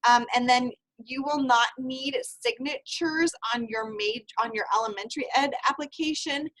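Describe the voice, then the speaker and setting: A woman in her thirties leading an online seminar over a video call, giving brisk, friendly, step-by-step instructions. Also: high voice, fairly bright tone, rough recording. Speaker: university field experience coordinator. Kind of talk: online seminar presentation with screen sharing.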